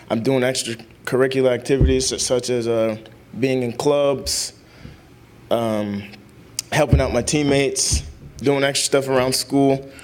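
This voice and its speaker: Young man, student veteran, ceremony speech, sincere, halting, many fillers. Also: medium pitch.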